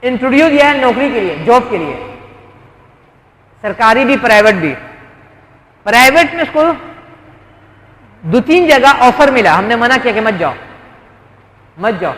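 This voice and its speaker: High-voiced preacher man in echoing hall. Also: animated, measured pace, long pauses, a bit bright. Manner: storytelling with rhetorical questions and quoted dialogue. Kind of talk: sermon. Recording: roomy hall with long echo.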